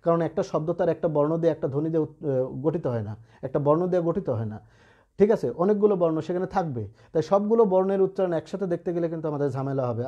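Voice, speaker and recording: A man's voice: a little high, dark tone, lo-fi sound. A man teaching a lesson to students, explaining patiently with frequent check-ins and repeated phrases. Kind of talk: classroom-style lesson.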